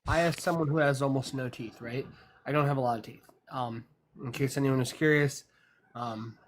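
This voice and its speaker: Man, middle-aged, medium pitch, casual debater, argumentative, repetitive phrasing, faint noisy call. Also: steady tone, moderate pace. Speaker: panelist on a live debate stream. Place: online voice call.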